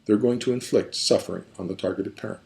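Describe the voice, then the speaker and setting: A man working as a therapist who explains family dynamics in a conversational, animated way and sometimes acts out the people he describes. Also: on the low side, fast talker, creaky. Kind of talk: explanatory talk.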